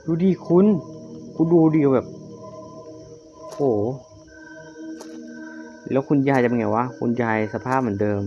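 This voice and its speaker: A man's voice: medium pitch, takes it slowly, pauses often. A man doing casual commentary on a horror game as he plays, jumpy, exclaiming often and swearing freely. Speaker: game streamer. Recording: somewhat dull lo-fi audio with loud game music. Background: horror game music and sound effects.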